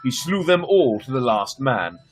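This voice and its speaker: Over soft background music, a man with a medium-pitched, sing-song voice reads at a measured pace. He's the storyteller and host of a livestream, performing fairy tales in a theatrical, playful style and pausing for chatty asides.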